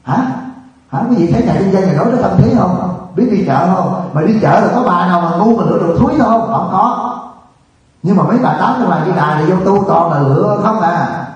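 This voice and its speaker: Man, monk, scolding sermon, distant mic, muffled boomy hall. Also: expressive, brisk, a little mellow. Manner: scolding, rhetorical, keeps asking "hả?". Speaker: monk giving a dharma talk. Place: large meditation hall.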